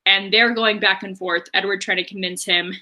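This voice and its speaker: Bright-voiced chatty woman podcaster. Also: medium pitch, steady tone, normal speed. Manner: chatty recap with fillers and laughs. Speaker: podcast co-host. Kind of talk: casual book discussion.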